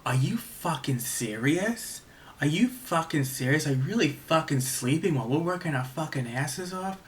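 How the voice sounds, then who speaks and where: A young man voicing a furious male theatre director who yells and swears, in a storytime. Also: a little high, lively intonation, normal speed, pitched above the performer's own voice, natural voice. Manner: yelling, profane.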